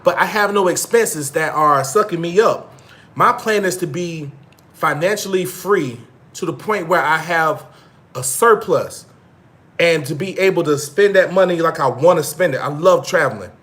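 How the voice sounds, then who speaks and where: Brief: thirties male vlogger, slightly high voice, blunt street-slang monologue, repeats himself. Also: normal speed, a bit bright. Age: 30s. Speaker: vlog host. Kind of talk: casual monologue to live viewers.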